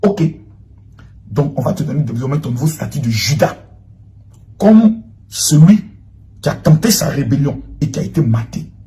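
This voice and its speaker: A man giving an impassioned, accusatory monologue, swinging between loud outbursts and hushed lines. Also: medium pitch, lively intonation, normal speed, pauses often. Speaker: public figure answering a former protégée.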